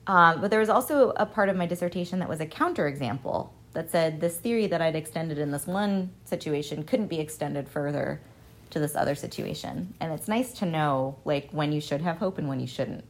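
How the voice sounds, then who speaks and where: A woman's voice: deep voice, a little fast. A woman math professor, a radio interview guest, chatting casually and acting out the exchanges she tells about. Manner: animated storyteller, acts out quoted exchanges. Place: radio studio.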